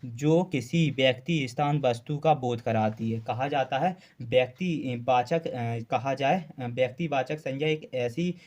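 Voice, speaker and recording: A man's voice: medium pitch, unhurried, hardly any pauses, darkish tone. A male Hindi grammar teacher giving a classroom lecture for exam students, asking questions and answering them himself, repeating key terms, with frequent "uh" fillers.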